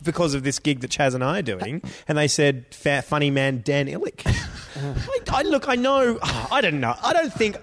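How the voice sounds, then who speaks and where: Comedian, slightly high, very lively intonation, stumbling and laughing. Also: male voice, normal speed, slight background noise. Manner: animated, stammering restarts, laughs. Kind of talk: casual podcast chat.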